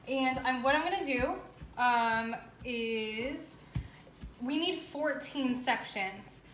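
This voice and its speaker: A woman's voice: high voice, slow pace, fairly bright tone. A woman hosting a home baking tutorial, talking the viewer through each step in a chatty, informal way. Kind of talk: casual step-by-step cooking demonstration. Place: indoor home kitchen with echo. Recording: echoey room, faint background noise.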